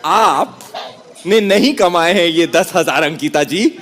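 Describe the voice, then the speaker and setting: A man hosting a television quiz show, lively and playful, switching between Hindi and English. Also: high voice, takes it slowly. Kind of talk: energetic game show hosting.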